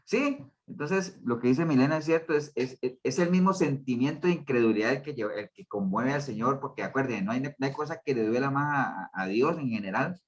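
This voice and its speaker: A man's voice: mid-range voice, brisk, hardly any pauses. Man leading a casual Bible study. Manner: checks in with the group with frequent tag questions; talks in loose, restarting phrases. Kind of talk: conversational Bible teaching to a group.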